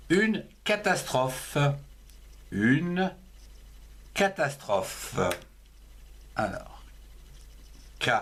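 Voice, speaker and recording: A man's voice: medium pitch, fairly bright tone. A man teaching cursive writing, spelling out words letter by letter and syllable by syllable in a patient lesson. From France.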